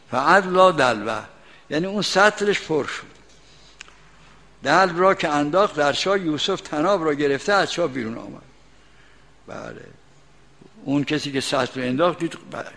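Older male preacher with a gravelly voice, recites verses and glosses them in plain talk, reverberant hall recording. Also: fairly high pitch, a bit bright. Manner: recites Arabic verses, then explains them in colloquial Persian. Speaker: Quran commentator. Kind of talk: religious commentary lesson.

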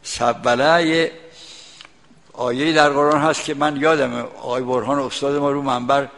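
Older male preacher with a gravelly voice, recites verses and glosses them in plain talk, reverberant hall recording. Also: mid-range voice, fairly even intonation, fairly bright tone. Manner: recites Arabic verses, then explains them in colloquial Persian. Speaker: Quran commentator. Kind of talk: religious commentary lesson.

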